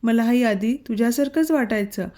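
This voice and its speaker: A woman voicing a caring young wife who fusses softly over her family. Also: a little high, moderate pace, natural voice. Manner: soft, fussing.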